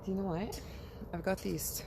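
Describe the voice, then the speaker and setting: A woman chatting casually in a rambling late-night vlog, at home and then outside in the dark, sometimes dropping to a whisper. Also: medium pitch, moderate pace, vocal fry, very noisy. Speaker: vlogger.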